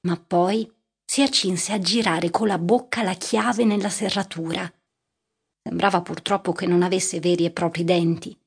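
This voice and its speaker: A woman narrating a literary audiobook in a measured, steady reading voice. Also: fairly low pitch, vocal fry, husky.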